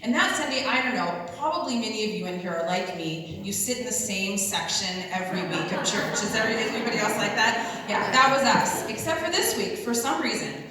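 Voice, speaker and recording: A woman's voice: mid-range voice, a little fast, few pauses, crowd noise. Woman telling a story in an echoey hall. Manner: animated conversational storytelling. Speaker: retreat speaker. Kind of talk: personal faith testimony. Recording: echoey hall, mic far off.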